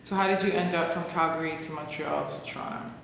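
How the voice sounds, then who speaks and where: A man interviewing a guest with halting questions and short replies of "cool". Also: on the high side, steady tone, vocal fry, a bit bright. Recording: roomy reverberant space with faint noise.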